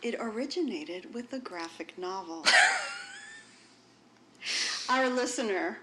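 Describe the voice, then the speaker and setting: A woman's voice: mid-range voice, animated, slow, bright, forceful tone, a little hiss or hum. A woman co-hosting a podcast in casual chat, musing and self-aware, often trailing off. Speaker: podcast co-host.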